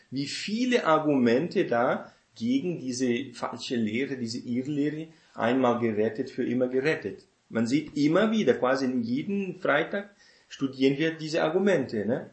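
A man giving an informal Bible teaching, talking conversationally, repeating his phrases for emphasis, asking rhetorical questions and often tagging "ne?" onto them. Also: on the high side. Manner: conversational, often adds "ne?" as a tag. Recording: echoey room.

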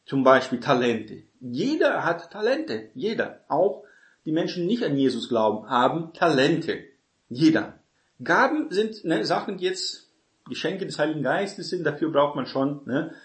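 A man's voice: a little high, animated, moderate pace. A man preaching a Bible-teaching sermon in an explanatory way, checking in with listeners through constant tag questions and restarting his sentences. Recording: echoey room.

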